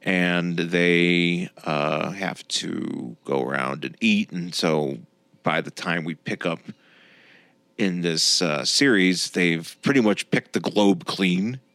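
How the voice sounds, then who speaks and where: A man hosting a podcast, casually explaining comic books in a halting, rambling way. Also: sits low, creaky, fairly bright tone, no echo. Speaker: podcast host.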